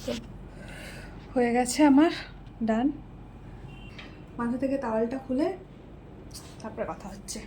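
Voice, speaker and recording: A woman's voice: a little high, fairly even intonation, measured pace, pauses often. A young woman, chatting casually through her day at home and explaining each step as she goes. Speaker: vlogger. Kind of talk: casual vlog narration. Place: at home, kitchen and bedroom. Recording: roomy home room with household noise.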